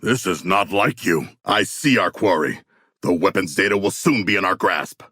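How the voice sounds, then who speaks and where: An actor playing a hulking, proud and bloodthirsty shark warrior for a video game, speaking in polite, pompous, stilted formal sentences with a gravelly voice. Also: male voice, low voice, normal speed, bright, forceful tone, heavily acted. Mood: commanding, confident. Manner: formal, stilted, grandiloquent diction.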